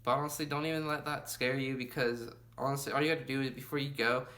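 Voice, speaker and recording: A young man talks straight to camera with travel tips. His voice is bright and forward, and he chats loosely, filling his sentences with "you know" and "like" as he goes. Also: medium pitch, steady tone, fast talker. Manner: chatty, lots of fillers like "you know" and "like". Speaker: travel vlogger.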